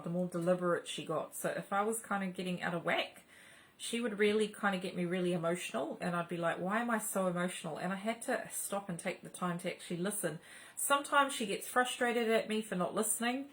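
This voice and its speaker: A woman's voice: fairly low pitch, low-quality recording. A middle-aged woman hosting a spiritual channel, talking casually and rambling with many fillers and restarts.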